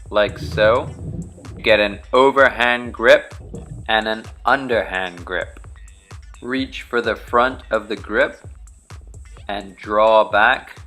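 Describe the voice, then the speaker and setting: A young Bahamian man, a charter fishing captain, giving relaxed step-by-step spearfishing instructions in a vlog. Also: lowish voice. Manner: relaxed, practical, step-by-step explaining.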